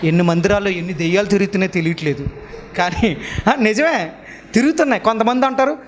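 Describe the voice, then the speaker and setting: A man's voice: sits high, quick pace. A man preaching as a pastor, firing rhetorical questions at his congregation and repeating them, with sudden emphatic bursts. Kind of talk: sermon.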